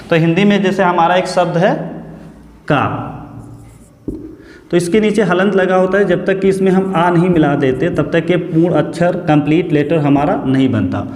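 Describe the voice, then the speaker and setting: A man teaching grammar in a classroom lesson, slow and deliberate, repeating key words and asking rhetorical questions. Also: on the high side, a little mellow. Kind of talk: classroom lesson, explaining step by step. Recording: echoey classroom with long reverb.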